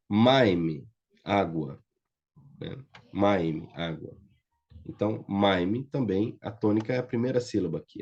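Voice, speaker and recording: A warm, husky, fairly low male voice with a Brazilian Portuguese accent leads an online Biblical Hebrew lesson. Patient throughout, he keeps checking comprehension with "tá?" and "certo?" The sound quality is muffled and lo-fi.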